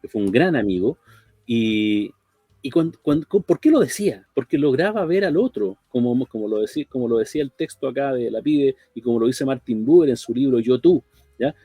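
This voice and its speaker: A man's voice: mid-range voice, lively intonation, normal speed, mellow, husky, dry recording, clean studio sound. A man co-hosting a talk program, speaking reflectively and often ending phrases with a questioning tag. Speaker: radio program co-host.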